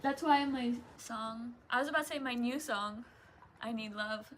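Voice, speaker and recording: A young adult woman vlogger rambles casually in a solo chat, speaking in a laid-back stoner drawl that trails off and keeps breaking into giggles and laughter. Her voice is fairly high at a moderate pace, with slight background noise.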